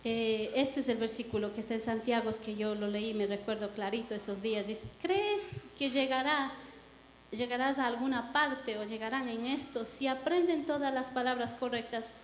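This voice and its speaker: A young woman from Ecuador giving a lively testimony to a church congregation, telling her story with acted-out quotes. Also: fairly high pitch, moderate pace, slight background noise. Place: church hall. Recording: echoey hall with long reverb.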